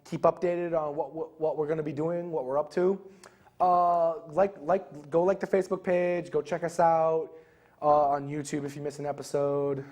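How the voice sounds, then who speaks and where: A man's voice: on the high side, little pitch movement, moderate pace, darkish tone. A young man co-hosting a casual gaming talk show, rambling loosely with many fillers. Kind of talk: casual chat.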